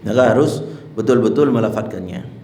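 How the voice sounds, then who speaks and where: A man's voice: lowish voice, a little fast, dark tone, reverberant, a little hiss or hum. A male Islamic teacher giving a religious lesson on prayer, explaining plainly and breaking into chanted demonstrations. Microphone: handheld mic.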